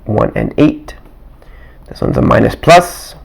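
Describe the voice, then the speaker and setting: Working through examples at his desk, a man teaches math casually, thinking aloud with little chuckles and asides. His mid-range voice is raspy and dry-throated, growing rougher as he keeps clearing it, and he goes slowly with huge swings in pitch.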